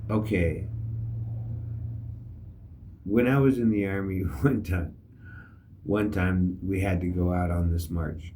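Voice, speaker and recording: A man's voice: sits low, slow, long pauses, dark tone, a little hiss or hum. A middle-aged man, an army veteran, telling a story in a casual, rambling way with many fillers. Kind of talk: casual spoken reflection.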